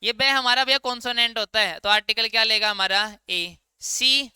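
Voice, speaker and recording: A man teaching a class in a very bright, crisp, clear voice. He fires questions at his students and answers them himself, in a casual lecture style. The sound is dry and close, with no room echo. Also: extremely high pitch, moderate pace. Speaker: English grammar teacher.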